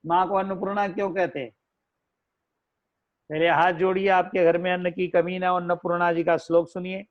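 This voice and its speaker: High-pitched guy with a hindi accent doing a slow devotional sermon, sings verses in between, kinda dull lo-fi audio. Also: level tone. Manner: slow, melodic, chants verses. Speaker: religious storyteller. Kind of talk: devotional discourse with sung verses. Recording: dull lo-fi recording.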